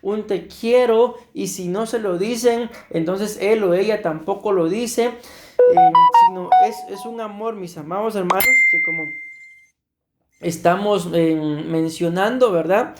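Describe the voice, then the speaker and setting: A man's voice: high-pitched, unhurried, roomy sound, over loud music. A male pastor from Costa Rica preaching a sermon to his congregation, often addressing them as beloved brothers and punctuating points with amen. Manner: repeats "mis amados hermanos" and "amén" often. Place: church.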